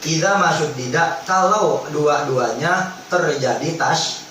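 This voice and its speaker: A man teaches recitation rules at a slow, unhurried pace, his voice set fairly high. He slips between relaxed everyday explanation and drawn-out chanted examples. He is heard from a distance in an echoey hall with faint background noise. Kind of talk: religious study lesson on recitation rules. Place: religious study hall.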